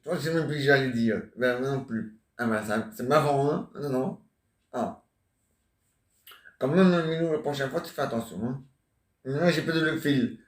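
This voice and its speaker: A man's voice: mid-range voice, far from the mic. A man in his forties rambling and joking in casual chat, teasing banter. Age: 40s. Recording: echoey room.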